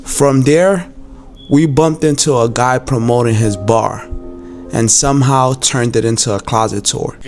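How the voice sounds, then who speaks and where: A man giving vlog voice-over narration in a brisk, matter-of-fact way. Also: mid-range voice. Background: music.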